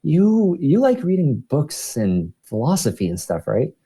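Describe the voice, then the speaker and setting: A quiet, searching young woman, as a man puts her on, speaking in a raised, hushed voice. She asks earnest questions, her pitch lifted well above his own and her tone soft. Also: wildly swooping pitch, unhurried, husky, heavily acted. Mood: hushed curious.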